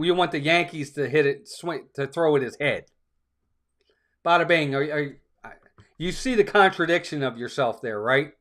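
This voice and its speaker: A man's voice: medium pitch, fairly bright tone. A man hosting a fan stream, calling play-by-play and answering viewers' chat directly, often repeating himself for emphasis. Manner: talks straight to viewers, scolds trolls, repeats himself for emphasis. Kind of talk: live play-by-play commentary mixed with replies to chat.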